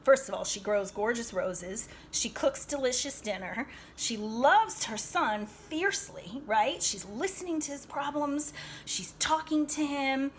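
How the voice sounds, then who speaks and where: A woman reads a storybook aloud to children with expression, adding chatty, teacherly asides, questions and emphatic phrasing. Her voice is high-pitched and measured in pace, with slight background noise.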